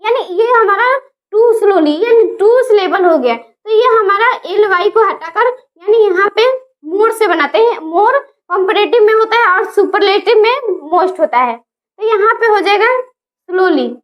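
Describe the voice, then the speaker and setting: A woman teaching a grammar lesson, spelling words out letter by letter and slowing down to sound them out. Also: very high voice, expressive, muffled recording.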